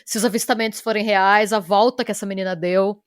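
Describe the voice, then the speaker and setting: A woman's voice: mid-range voice, a little fast, no room sound, studio quality. A Brazilian woman co-hosting a true-crime podcast in casual, chatty talk, trailing off now and then. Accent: Brazilian Portuguese. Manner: chatty, lively, trailing off with "sei lá". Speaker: podcast co-host, storyteller.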